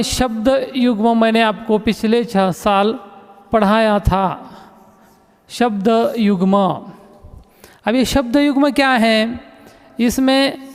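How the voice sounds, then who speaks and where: High-voiced patient male teacher, echoey room. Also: clear, resonant tone. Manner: patient, repeats words and keeps saying "look". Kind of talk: recorded class lesson.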